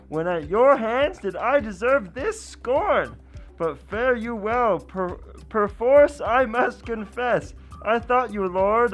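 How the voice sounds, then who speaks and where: A woman playing scorned young Helena. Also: mid-range voice. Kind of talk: amateur home Shakespeare performance.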